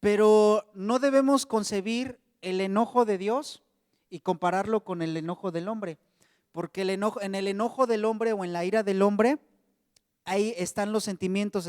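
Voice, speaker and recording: A Mexican man with a fairly high voice preaching a sermon, talking to his congregation in a friendly, conversational way. His voice sits close and dry, with a long reverb tail from the hall around it. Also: fairly even intonation, normal speed, darkish tone, clear, resonant tone. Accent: Mexican Spanish. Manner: conversational, addresses congregation as brothers.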